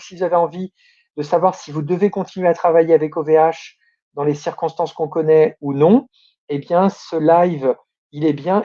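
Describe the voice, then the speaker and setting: A man's voice: on the high side, muffled recording. A man hosting a domain name news show, commenting in an opinionated, grumbling way with many fillers and restarts.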